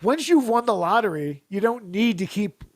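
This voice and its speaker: A man's voice: sits high, lively intonation, moderate pace, no room sound, studio quality. A man in comedy podcast banter, ranting with blunt, profane opinions and acting out imagined quotes.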